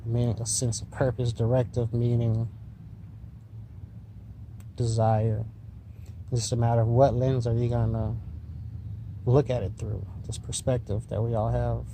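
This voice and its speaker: A man's voice: mid-range voice, flat delivery, a little slow, long pauses, dark tone. Spaced-out tripping man, noisy recording. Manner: tripping on mushrooms, spaced-out, musing, drifting and repeating himself. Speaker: vlogger. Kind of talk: rambling philosophical monologue to the listener. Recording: noisy recording with vehicle-like ambient noise.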